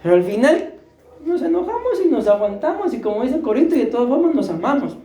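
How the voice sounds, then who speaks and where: A man's voice: very high-pitched, very animated, fast, dark tone, roomy sound. A man preaching a sermon, joking and questioning his congregation, short of breath. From Costa Rica. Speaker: pastor. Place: church hall.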